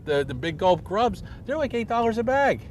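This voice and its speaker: A man's voice: sits high, very animated, normal speed, a little hiss or hum. A man co-hosting a fishing show as the charter captain, explaining the tackle in a matter-of-fact way out on a boat. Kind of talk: casual outdoor chat while fishing. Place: on a fishing boat outdoors at sea.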